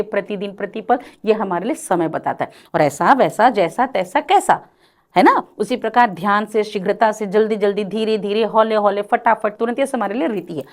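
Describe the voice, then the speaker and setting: A woman teaching an exam-prep grammar lecture, calling her students "beta" and often checking whether it is clear, drawing out example lines slowly. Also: mid-range voice.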